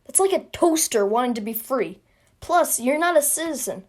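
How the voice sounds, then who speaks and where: A woman's voice: high-pitched, animated, moderate pace, darkish tone. Woman doing a blunt, dismissive judge. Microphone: phone.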